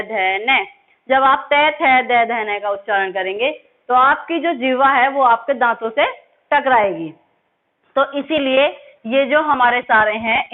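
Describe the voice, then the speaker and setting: Woman teacher, higher voice, slow sound drills, asks and answers her own questions; tinny audio. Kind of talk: classroom lesson.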